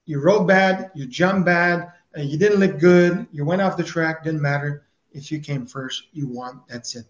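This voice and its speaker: Canadian guy in his 50s chatting loose and rambly, kinda high voice, roomy muffled sound. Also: measured pace. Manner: easygoing, rambling with fillers. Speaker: guest, former motocross champion. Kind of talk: casual interview chat. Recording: roomy, muffled remote audio.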